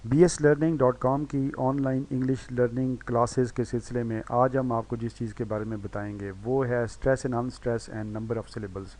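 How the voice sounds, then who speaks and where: Patient man teaching pronunciation slowly. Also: mid-range voice, steady tone, darkish tone. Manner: explains patiently, repeats example words slowly; self-correcting with "sorry". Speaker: English teacher. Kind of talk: recorded lesson.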